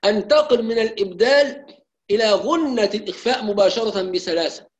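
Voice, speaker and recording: A man teaching Quran recitation in a live lesson, explaining rules and reciting drawn-out examples. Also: high-pitched, animated, poor audio.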